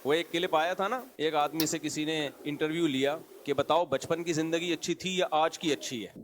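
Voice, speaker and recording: A religious scholar telling humorous stories in an animated way, acting out the voices in his jokes. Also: on the high side, normal speed. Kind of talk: humorous storytelling talk. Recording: talk recorded with audience noise.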